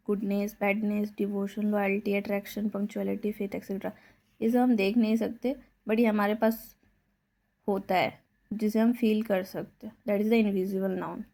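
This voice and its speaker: A woman teaching a grammar lesson, listing examples one by one and reading definitions slowly. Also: mid-range voice, warm tone. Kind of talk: Hindi-English grammar lesson.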